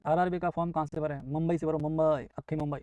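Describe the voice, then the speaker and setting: A man's voice: fairly high pitch, little pitch movement, fast, a little mellow, smooth, no room sound, rough recording. A man teaching a live online nursing exam class, explaining step by step and acting out students' questions and his own answers. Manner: explains step by step, mixes English into Hindi.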